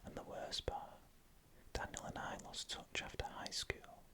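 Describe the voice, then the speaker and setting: A person whispering scary first-person stories in a hushed, unvoiced ASMR narration from start to finish. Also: unhurried. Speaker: storyteller.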